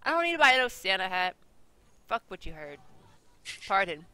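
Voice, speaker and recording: A woman co-hosting a casual podcast chat over a call, giggly and animated. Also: mid-range voice, moderate pace, clean tone. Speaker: podcast co-host.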